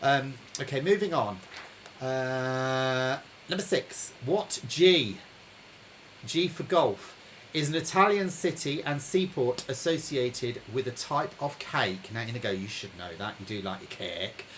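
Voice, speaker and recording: A man hosting a live-streamed pub quiz from home, chatting with viewers and reading each question slowly, then repeating it. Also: medium pitch, fairly bright tone, slight background noise, poor audio. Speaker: quiz host. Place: home during lockdown.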